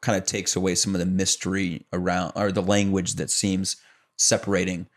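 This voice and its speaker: A young adult man from the Chicago area, an actor and producer telling his story as a podcast guest in relaxed, rambling chat full of fillers. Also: deep voice, moderate pace. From Chicago area, United States. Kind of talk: casual conversational storytelling.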